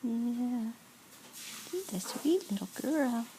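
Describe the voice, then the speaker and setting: A woman speaks in a hushed, tender baby-talk voice, drawing out her words very slowly. Her pitch swoops up and down in a singsong way. Her tone is mellow, and faint home noise sits behind her. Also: lively intonation. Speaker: family member filming a newborn. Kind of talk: soft cooing to a baby.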